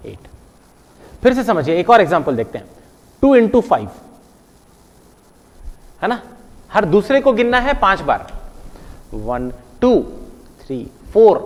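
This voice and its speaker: Animated male math teacher, high lively voice. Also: long reverb tail. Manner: playful, animated, counts aloud, checks in with "है ना?". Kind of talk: classroom math lesson.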